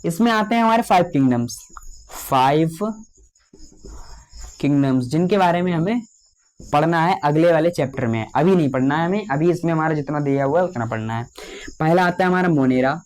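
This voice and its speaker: Higher-pitched man teaching biology, slow dictation. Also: animated, slight background noise. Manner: slow, drawn-out dictation of key terms; repeats fillers addressing students as children. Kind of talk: lecture.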